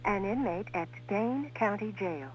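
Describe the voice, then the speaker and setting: A woman's voice: medium pitch, animated, measured pace. A woman's automated operator message announcing a collect call, heard over a payphone line. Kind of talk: recorded phone announcement. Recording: muffled phone line with faint hum.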